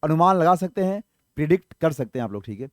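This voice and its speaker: This man speaks fast in a highish voice with wide swings in pitch, recorded dry and clean in a studio. He's running an exam-prep English vocabulary lesson, explaining each word, spelling some out letter by letter, and posing questions to viewers that he answers himself.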